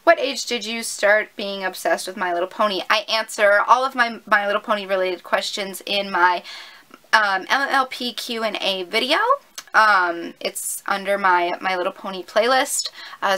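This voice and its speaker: Chatty 21 yo girl doing a q&a vlog at home, bright voice, upbeat, lots of ums and likes. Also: medium pitch, low-quality recording. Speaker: YouTuber. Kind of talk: casual Q&A vlog.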